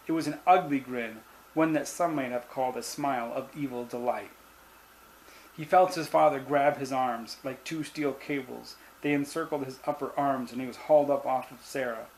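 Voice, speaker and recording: Male author, mid-pitched, reads his own short story plainly; faint hiss behind. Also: rough recording. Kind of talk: reading a short story aloud.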